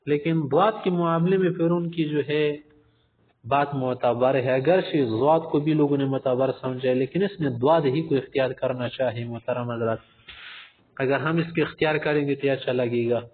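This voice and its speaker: Male tajweed teacher, lesson style, stretches out sung examples, thin lo-fi line. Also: mid-range voice. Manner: demonstrates recitation slowly, drawn out and sung; addresses listeners as respected gentlemen, explanatory. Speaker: Quran recitation teacher. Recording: tinny phone-like recording.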